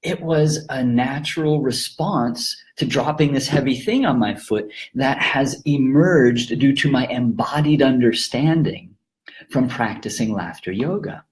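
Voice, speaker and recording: A man teaching laughter yoga to camera in a calm, explanatory way, often breaking into laughter as he talks. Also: mid-range voice, unhurried.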